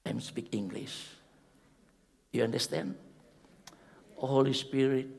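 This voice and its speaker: A man preaching a church sermon, joking with the congregation and swinging from soft asides to loud exhortation. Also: mid-range voice, fairly even intonation, slow, creaky, breathy edge, long reverb tail. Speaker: pastor.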